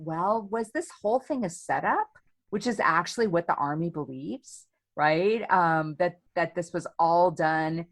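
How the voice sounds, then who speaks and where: A woman historian answering interview questions, retelling events in a lively way with frequent "um" and "right?" tags. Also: on the low side, dry recording. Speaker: historian and author.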